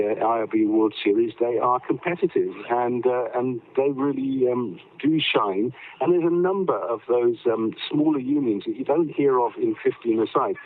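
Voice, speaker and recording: Man on a tinny video-call line. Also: medium pitch. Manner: hesitant, with many fillers and restarts. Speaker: rugby commentator. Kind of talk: remote news interview. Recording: tinny phone-like call audio.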